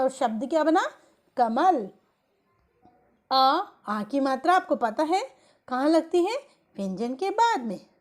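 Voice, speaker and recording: A woman's voice: high voice, darkish tone. A woman teaching young children a grammar lesson, patiently asking questions and answering them herself. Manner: patient, coaxing, calls pupils "beta", asks and answers own questions.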